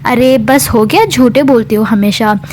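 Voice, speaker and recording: A woman's voice: on the high side, unhurried, darkish tone, a little hiss or hum, close to an everyday voice. A woman voicing a bossy, teasing young woman in a spoken storybook.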